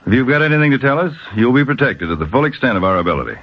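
An actor playing a no-nonsense counterspy chief, terse and authoritative, in 1940s radio drama style. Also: male voice, mid-range voice, sing-song, very fast. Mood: alert, formal. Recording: muffled, slightly noisy old radio broadcast.

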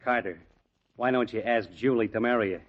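An actor playing a slick, confident press agent, brisk and persuasive, in an old-time radio drama. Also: male voice, fairly low pitch, lightly acted. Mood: confident, coaxing. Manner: brisk, confident, smooth-talking. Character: slick, fast-talking male press agent, breezy and persuasive. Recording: dull, lo-fi old radio recording.

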